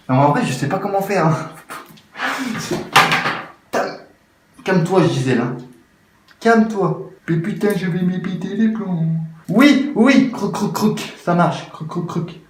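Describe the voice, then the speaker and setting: A man joking and swearing loudly as he struggles through a chaotic do-it-yourself repair video, muttering one moment and yelling the next. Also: sits high, recorded from a distance. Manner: swearing, frustrated, joking, swinging between mutters and yells. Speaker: YouTuber. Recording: very echoey room, faint noise.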